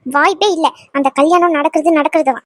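A woman's voice: sits high, fast talker, lightly acted. A woman voicing a young woman who firmly tells a pushy ex-lover to back off, in a cartoon dub. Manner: firm, scolding. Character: young woman turning away her pushy ex.

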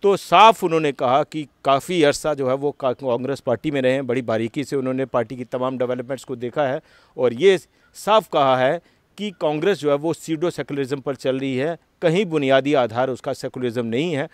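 A male news anchor from closing a political interview with formal, measured commentary. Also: mid-range voice, dry recording.

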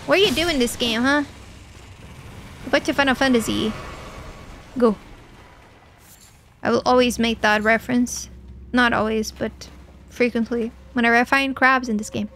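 A woman's voice: fairly high pitch, steady tone, moderate pace, long pauses, fairly bright tone, a little hiss or hum. A young adult woman streaming a video game, chatting playfully with her viewers and answering their messages with mock anger and jokes. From Portugal. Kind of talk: casual gameplay commentary chatting with viewers.

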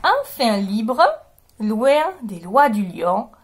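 A woman hosting a reading workshop, reading a children's picture book aloud with expressive, drawn-out storytelling. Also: fairly high pitch, husky.

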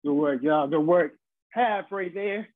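A young man with a high voice leads a workout as a fitness instructor. He speaks in short, encouraging cues and countdowns. The sound is thin and phone-like, as over a video call, with a dry room. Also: unhurried, dry recording. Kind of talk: live online HIIT class coaching. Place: small carpeted room at home, indoors. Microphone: laptop or webcam mic on video call.

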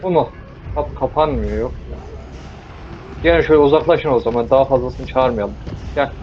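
A young man streaming a zombie game, joking and talking to the zombies as he plays, sometimes bursting into yells. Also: medium pitch, normal speed, music in the background. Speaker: gameplay streamer. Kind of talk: casual let's-play commentary. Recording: dull lo-fi mic with noise.

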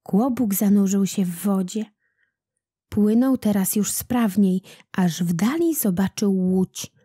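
Slow, mellow woman reading a folk tale. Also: medium pitch, slightly rough, dry recording, clean studio sound. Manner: slow, deliberate storytelling. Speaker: narrator, audiobook reader. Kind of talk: reading a children's legend aloud.

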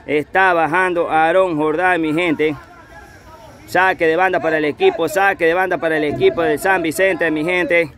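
A man's voice: fairly high pitch, fairly even intonation, moderate pace, fairly bright tone. A man giving live play-by-play football commentary, repeating his phrases over and over. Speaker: amateur football match commentator. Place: outdoors at a football pitch.

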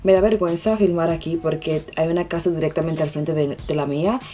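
A young Dominican woman with a Dominican Spanish accent chats through a makeup tutorial in her bedroom as a beauty vlogger, hesitant and searching for words. Her low voice is warm and brisk, with fairly even intonation.

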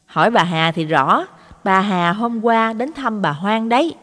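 A woman's voice: medium pitch, measured pace, fairly bright tone, in a large hall, natural voice. Give me a woman playing a sly, teasing young village man in a story reading.

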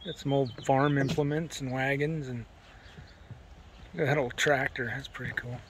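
Slow, musing man touring outdoors. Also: mid-range voice, background noise. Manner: relaxed, musing, easily amused. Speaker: travel vlogger. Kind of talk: casual walking commentary. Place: outdoor historic village. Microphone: handheld camera.

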